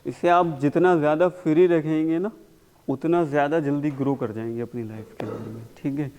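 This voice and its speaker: A man teaching a spoken English class, mixing Hindi and English and slowly repeating words for his students to copy. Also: on the high side, fairly even intonation, darkish tone. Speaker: English communication coach.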